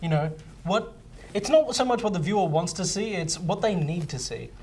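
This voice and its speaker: A man's voice: sits high, lively intonation, normal speed, a little mellow. A man playing a pompous, self-important film director who hesitates his way through boasts as a guest on a parody talk show. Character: smug, self-important male film director, deluded about his genius.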